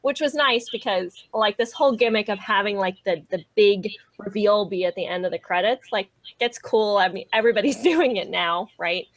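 A woman's voice: medium pitch, moderate pace, hardly any pauses, no echo. Rambling woman in a dry room. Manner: rambling, filler-heavy, hesitant. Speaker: podcast co-host. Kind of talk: casual chat.

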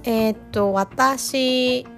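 A Japanese woman hosting a casual bilingual podcast, talking with many fillers and reading her English lines slowly and carefully. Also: sits high, fairly even intonation, faint music behind. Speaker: podcast host. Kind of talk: bilingual language-learning podcast. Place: home in Australia.

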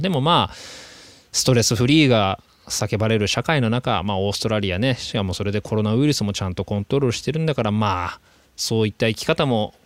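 Chatty animated man, lively pitch. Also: no echo. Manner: chatty, animated, drawn-out fillers. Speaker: podcast host. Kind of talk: casual podcast monologue. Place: lives in Sydney.

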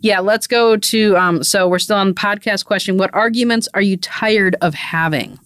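A woman's voice: mid-range voice, normal speed, fairly bright tone, no echo. A woman co-hosting a podcast, chatting casually and laughing often as she tells stories about her young daughter. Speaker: podcast co-host. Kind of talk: casual chat.

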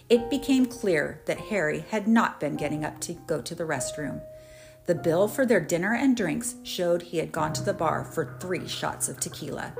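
A woman with a fairly low voice narrates a story with wry, dramatic timing. Clear music plays under her narration throughout. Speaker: podcast host.

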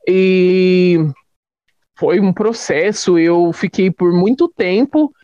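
A woman's voice: on the low side, slow, dry recording. Young woman telling a story, lo-fi. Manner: lively, acts out quoted voices with laughter. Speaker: guest telling her story. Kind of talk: personal storytelling. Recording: dull lo-fi dry sound.

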